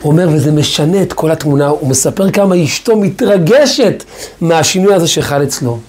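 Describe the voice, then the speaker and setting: A man's voice: a little high, animated, darkish tone. A man, a rabbi, teaching a religious lesson in a storytelling way, often stressing words by repeating them. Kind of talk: Torah lesson.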